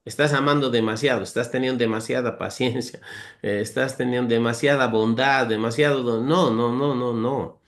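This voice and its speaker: Steady in tone and moderate in pace, a man with an ordinary-pitched voice teaches from the Bible in a conversational way. He reads verses aloud, earnestly unpacks them, enumerates virtues, and makes homely, comic comparisons for the brothers listening.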